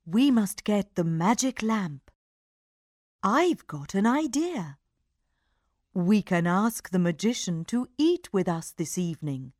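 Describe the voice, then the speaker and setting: A woman doing a gentle young hero. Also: medium pitch, expressive, takes it slowly, no room sound, studio quality. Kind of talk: storybook read-aloud.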